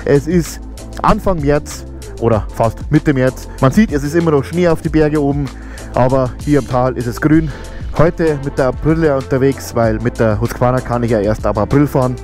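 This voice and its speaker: A man with a Bavarian accent chatting casually while riding his motorcycle on mountain roads, swearing now and then and talking through a helmet mic. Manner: chatty, swears casually, rises in pitch when excited. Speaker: motovlogger.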